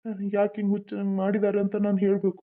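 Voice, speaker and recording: A woman's voice: medium pitch, normal speed, lightly acted. Woman voicing a fretful simple-minded cartoon king. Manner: mutters worried thoughts aloud, sings silly chants. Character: young male king, simple-minded, worried. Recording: tinny phone-like lo-fi audio.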